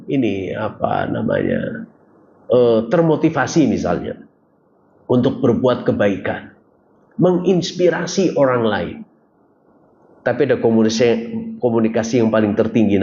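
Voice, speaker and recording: A man's voice: medium pitch, darkish tone. A man preaching a casual religious lecture, asking the audience questions and joking with them. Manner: conversational, jokes with the audience, asks them questions. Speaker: Islamic preacher. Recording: dull lo-fi recording with faint ambient noise.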